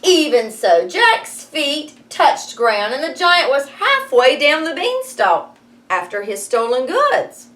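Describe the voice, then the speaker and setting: An American schoolteacher reads a storybook aloud to her students in a fairly high, very lively voice, going slowly. She teaches along the way, dropping in wry little asides to explain things, making it an expressive reading.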